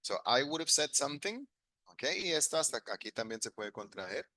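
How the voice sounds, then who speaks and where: Bright-voiced male English teacher. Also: medium pitch, sing-song, normal speed, no echo, clean studio sound. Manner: explains step by step, switching between Spanish and English examples. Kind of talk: live online grammar class. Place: online class.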